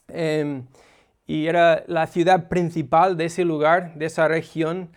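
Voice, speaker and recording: A preacher delivers an expository sermon in a high, smooth, resonant voice. He explains his text conversationally, often pausing on small hesitations, and his tone is relaxed and teacherly rather than forceful.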